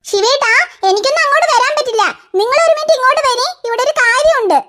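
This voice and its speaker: A woman's voice: very high voice, quick pace, a bit bright. A woman voicing a fussing cartoon mother who scolds in an exasperated way. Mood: complaining. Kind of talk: cartoon voice acting.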